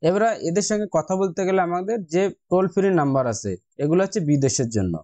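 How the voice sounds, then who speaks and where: This investing tutorial host, a man with an Indian Bengali accent, talks fast in a high-pitched, sing-song, mellow voice. He addresses viewers as friends while instructing them through a casual step-by-step tutorial. No echo is present.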